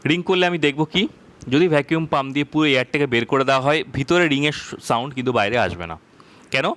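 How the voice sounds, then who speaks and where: A man teaching a physics lesson, explaining in a conversational way and reading textbook lines slowly, often checking if it's clear. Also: medium pitch, fairly bright tone.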